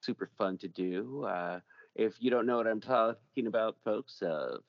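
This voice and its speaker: A man with a gravelly voice hosting a casual chat show, rambling along with jokey asides. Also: lowish voice, normal speed, no echo, muffled recording. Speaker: podcast host.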